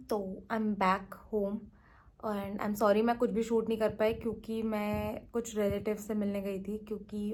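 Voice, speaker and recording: A young woman with an Indian accent, chatting quickly and casually as a vlogger. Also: medium pitch, warm tone. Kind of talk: casual vlog chat in Hindi-English mix.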